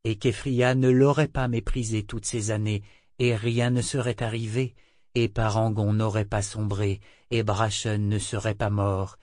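A man narrating a novel aloud in a measured, even way. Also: lowish voice, dry recording, clean studio sound. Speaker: audiobook narrator.

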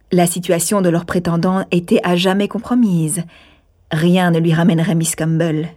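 Woman reading an old novel aloud, measured, mellow and a bit husky. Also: lowish voice. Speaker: audiobook narrator. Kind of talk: scripted narration of a classic novel.

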